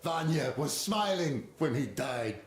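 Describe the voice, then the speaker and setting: An actor playing a grieving, desperate father, bitter and despairing, with a gravelly voice. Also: a little high, animated, takes it slowly, background noise. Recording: echoey game audio.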